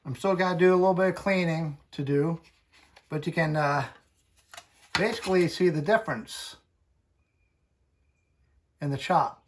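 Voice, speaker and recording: A man hosting a hobby channel, talking through a casual tutorial in a chatty, folksy, unhurried way. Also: fairly high pitch.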